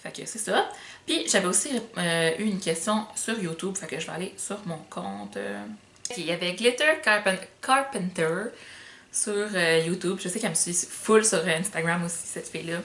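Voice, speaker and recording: A woman's voice: lowish voice, animated, normal speed, fairly bright tone, echoey room, slight background noise. Chatty young woman, light Québécois accent. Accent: Magdalen Islands Québécois French, light. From Magdalen Islands, Quebec. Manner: chatty, informal slang, many fillers. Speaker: vlogger. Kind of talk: casual Q&A chat to camera.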